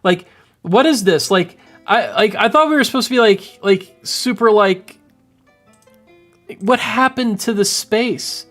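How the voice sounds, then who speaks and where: A man's voice: high voice, a little slow, faint music behind. Rambling man in his thirties streaming. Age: 30s. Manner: rambling, animated, filler-heavy. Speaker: livestreamer. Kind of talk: casual livestream commentary. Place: home room. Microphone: studio mic on boom arm.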